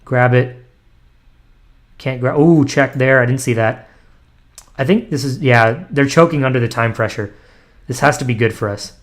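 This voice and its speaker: This young streamer thinks out loud over a blitz chess game in a mid-range voice at ordinary speed, leaving long pauses. Ums, restarts and self-mocking asides run through his muttered commentary.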